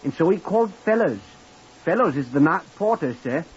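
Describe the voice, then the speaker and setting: A man's voice: on the high side, very animated, normal speed. An eager lift boy. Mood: eager, deferential. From Blackpool, Lancashire. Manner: deferential, ends nearly every phrase with "sir". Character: eager simple-minded young male hotel lift attendant. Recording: hissy, dull 1950s radio broadcast.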